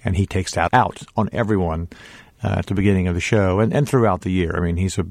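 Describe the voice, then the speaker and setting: Low-voiced actor talking about his role. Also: fast talker, dry recording. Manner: thoughtful, animated, with little laughs. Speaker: stage actor, interview guest. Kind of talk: casual interview chat.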